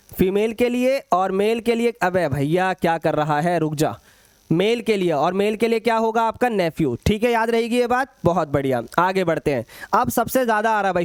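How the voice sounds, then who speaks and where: A man's voice: high voice, clear, resonant tone, no room sound. A young man teaching an online exam-prep maths lesson, calling students "beta", repeating points and adding playful asides.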